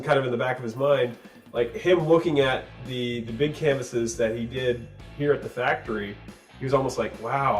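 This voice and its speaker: Casting note: laid-back male gallery owner, mid pitch, heard from a distance in a roomy space with soft guitar music behind. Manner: relaxed, rambling, many fillers. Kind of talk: documentary interview, casual storytelling.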